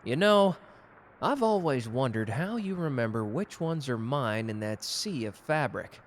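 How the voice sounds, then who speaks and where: A man with a medium-pitched voice, lightly acted and animated, takes his time over slight background noise. His role in a romantic roleplay audio drama is a cocky, protective, gallant customer, and he flirts with suave, friendly teasing through an intimate one-sided conversation.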